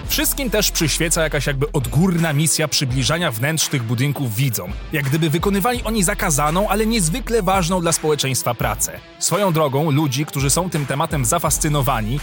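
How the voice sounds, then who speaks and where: A man's voice: a little high, animated, fairly quick, faint music behind. A man delivering satirical scripted commentary as narrator, with a sarcastic, mocking manner.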